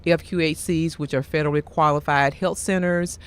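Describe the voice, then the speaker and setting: A woman with a Mississippi accent speaking as a guest in a radio interview, explaining things in a formal, measured, courteous way. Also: sits low, steady tone, clean tone. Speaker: guest, health education executive director.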